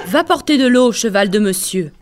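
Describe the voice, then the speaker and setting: A woman voicing a harsh, bossy innkeeper's wife who barks sharp orders in an audiobook. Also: on the high side, animated, fairly quick, natural voice. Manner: sharp and commanding. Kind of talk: audiobook drama acting.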